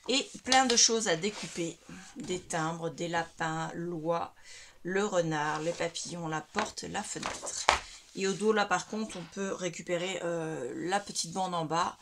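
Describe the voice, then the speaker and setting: A woman's voice: fairly low pitch, noisy background. A woman in a casual crafting vlog, chatting at home as she shows craft items one by one, with many hesitations. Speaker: crafting vlogger. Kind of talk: casual product showcase. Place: home craft room lit by ceiling light.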